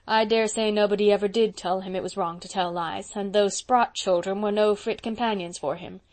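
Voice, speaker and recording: A woman reading aloud and voicing a practical older woman who speaks in a quiet, brisk, matter-of-fact way. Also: medium pitch, steady tone, natural voice.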